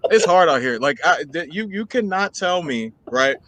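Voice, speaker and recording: A man's voice: on the high side, animated, moderate pace, fairly bright tone, no echo. Blunt thirty-year-old man, dry close sound. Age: 30s. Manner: blunt, emphatic, asks for agreement with "right?". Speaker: podcast co-host. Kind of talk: casual opinion chat.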